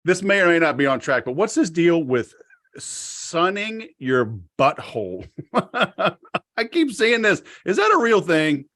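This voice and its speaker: A man's voice: high voice, very animated, slow, fairly bright tone. A man hosting a podcast interview, bantering with his guest in a joking, playful way. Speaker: podcast host.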